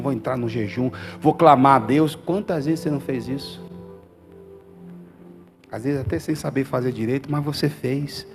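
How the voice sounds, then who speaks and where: Fervent male pastor preaching. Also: medium pitch. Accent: Brazilian Portuguese. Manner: fervent, swings from quiet to loud calls; calls for amens from congregation. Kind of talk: sermon. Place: church hall.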